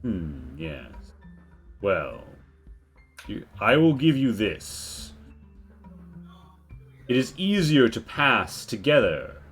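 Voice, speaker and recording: A man's voice: fairly low pitch, wildly swooping pitch, extremely slow, pauses often, fairly bright tone, soft background music, exaggerated voice. A man voicing an ancient, stately talking tree, a spirit of the land with archaic phrasing, in a tabletop role-play. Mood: grave, knowing.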